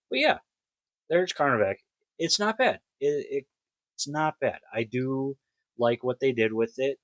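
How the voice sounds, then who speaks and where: A man giving a casual, musing toy review, talking slowly with many ums and restarts, on a dull lo-fi home recording. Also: medium pitch, fairly bright tone, no room sound.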